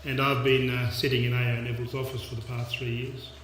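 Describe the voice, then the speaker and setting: An Australian man in his sixties giving an informal public speech in a halting, reflective way. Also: mid-range voice, flat delivery, fairly bright tone. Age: 60s. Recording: echoey hall, distant mic, background noise.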